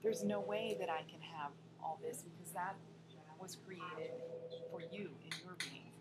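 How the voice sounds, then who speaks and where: A young woman from the United States, a pageant coach, talking lively and expressively as a guest at a restaurant table. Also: lowish voice, unhurried, very noisy. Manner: lively, expressive, laughs often. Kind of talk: casual interview chat. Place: restaurant dining room, indoors.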